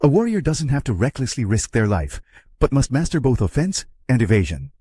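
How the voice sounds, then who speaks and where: A man voicing a cold, calculating young male warrior hero who speaks in a cool, matter-of-fact way, with a slightly husky tone. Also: medium pitch, sing-song, brisk, mellow, no echo.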